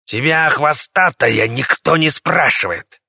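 A man playing a coarse, threatening village ringleader with a hoarse, cawing voice. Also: on the high side, takes it slowly, bright, forceful tone, dry recording, studio quality, pitched above the performer's own voice, full character voice. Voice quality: hoarse, crow-like. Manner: threatening and bullying.

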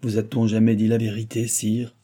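A man reads a devout young princess set on her course. The voice stays low and very dark, with a husky edge. Her lines come out grave and earnest, in a plain audiobook reading. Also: completely flat delivery, moderate pace, lightly acted. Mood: solemn.

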